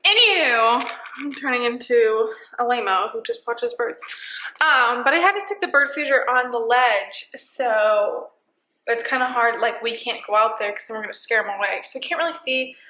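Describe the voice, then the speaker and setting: A woman's voice: a little high, moderate pace, sharp tone, roomy sound, low-quality recording. A young woman and mother chatting casually to camera at home by a window, rambling with lots of ums and side remarks. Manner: chatty and scattered, many ums and trailing asides. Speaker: vlogger, mother of two.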